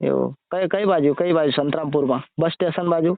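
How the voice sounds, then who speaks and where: A man with a fairly high, gravelly voice talks fast in a Gujarati accent on a phone call. He's an amateur video creator chatting casually and colloquially, repeating himself and asking questions. The dry, muffled recording has a lo-fi phone-call sound.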